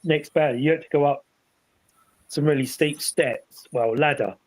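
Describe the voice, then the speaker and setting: Rambling man, fairly high voice. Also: normal speed, no room sound, poor audio. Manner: rambling storyteller, restarts and trailing asides. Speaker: paranormal investigator panelist. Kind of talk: casual live chat, recounting an investigation.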